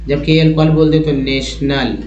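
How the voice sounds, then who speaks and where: A man's voice: on the high side, fairly even intonation, normal speed, darkish tone. A man teaching English word parts to viewers step by step, addressing them as friends. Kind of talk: spoken phonics lesson. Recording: echoey room, dull lo-fi sound.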